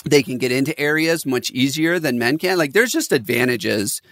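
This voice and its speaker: A man hosting a conversational interview as a business coach, telling stories with animated delivery and frequent laughter. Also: mid-range voice, normal speed, no room sound, clean studio sound.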